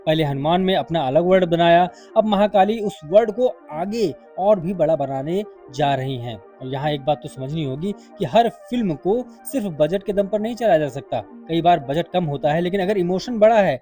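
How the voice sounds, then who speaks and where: A man's voice: fairly high pitch, lively intonation, normal speed, few pauses, mellow, soft background music. A man giving a casual, chatty film review to his viewers, calling them brother and friend.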